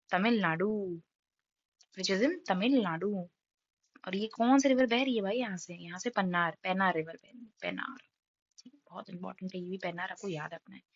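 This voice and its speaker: A young woman teacher with a sore throat and a mid-range voice runs an exam-prep map lesson, quizzing her students and answering in their voice while checking in often. She repeats key facts with frequent "ठीक है?". The audio has no room sound and its highs are cut off.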